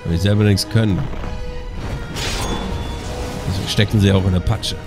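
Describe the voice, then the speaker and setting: A man's voice: sits low, fairly even intonation, quick pace. A man giving casual gameplay commentary as a let's play host, chatty and sarcastic as he mutters at his teammates. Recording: game music loud behind voice.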